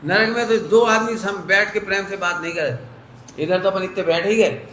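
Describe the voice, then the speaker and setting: A man's voice: high voice, moderate pace, pushed and bright, reverberant, slight background noise, rough recording. A man giving a religious discourse, explaining with homely everyday examples and asking listeners whether they follow. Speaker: Jain preacher.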